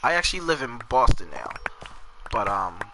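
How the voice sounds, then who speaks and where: This gamer streamer hails from New Jersey and has the accent, chatting with viewers and rambling casually while narrating his play. His mid-range voice is very animated at a moderate pace. Game music sits behind him, along with background noise.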